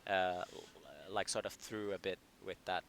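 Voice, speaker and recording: A man's voice: sits low, flat delivery, normal speed, fairly bright tone, slight background noise. A young man casting a student esports match live, breaking down team picks and often restarting his phrases as he thinks aloud. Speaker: esports caster. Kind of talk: live game commentary.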